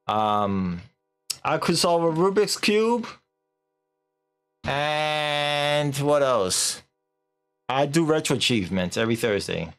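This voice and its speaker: A man live-streaming a game, chatting casually and animatedly with viewers, laughing and swearing offhand. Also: medium pitch.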